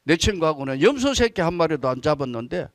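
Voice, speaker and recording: Guy doing a whiny grown elder son, indignant, voice pitched up, dry sound. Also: sing-song, fast, dry recording. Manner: indignant complaining.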